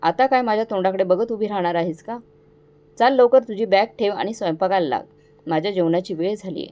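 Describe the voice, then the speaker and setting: A woman's voice: mid-range voice, brisk, warm tone, lightly acted. A woman voicing a harsh, scolding mother-in-law in a storybook tale, with a bossy, taunting manner. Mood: scornful.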